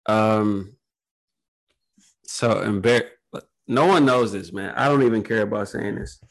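Low-voiced man chatting informally. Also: a little slow, poor audio. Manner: informal, peppers talk with "man". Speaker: podcast guest, entrepreneur. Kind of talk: casual chat, storytelling.

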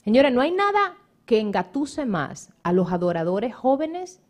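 A woman's voice: on the high side, very animated, moderate pace. A middle-aged woman pastor preaching a sermon, speaking straight at her congregation and calling out members by name.

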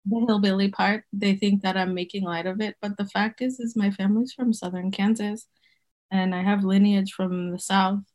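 A folk herbalist in her thirties, born in Zimbabwe and brought up in Botswana, is interviewed casually on a podcast, rambling, laughing, and often correcting herself. She has a mid-range, slightly mellow voice with fairly even intonation and a moderate pace.

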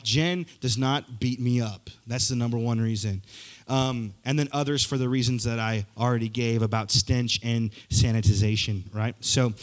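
A young man preaching a sermon in a church, energetic and conversational, building points through repetition. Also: a little high. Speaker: youth pastor.

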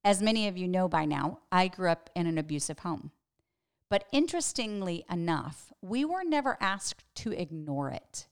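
A woman's voice: fairly low pitch, lively intonation, normal speed, smooth. Earnest middle-aged woman teaching scripture. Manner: earnest, questioning, emphatic. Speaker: podcast host and Bible teacher. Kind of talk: reflective devotional podcast teaching.

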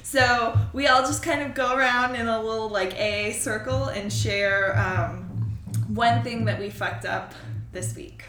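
Female podcast co-host, bright and sharp tone, playful and loose, echoey room with faint hiss. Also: on the high side, unhurried. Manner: playful, laughs often, swears casually. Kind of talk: casual podcast chat. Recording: roomy echo with faint noise.

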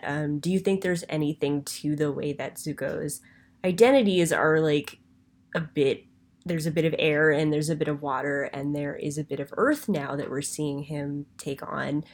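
A woman's voice: low voice, moderate pace. A woman leaving a voicemail, heard over a phone line, talking in a thoughtful, musing way with frequent ums and trailing phrases. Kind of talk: recorded listener voicemail.

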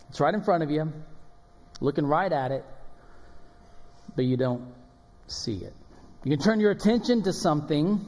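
A man in his thirties preaching a sermon as pastor, conversational and story-driven, often dropping to a quiet voice. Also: on the high side. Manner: conversational, storytelling with acted quotes and soft drops in volume. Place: church sanctuary. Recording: long hall reverb of a church.

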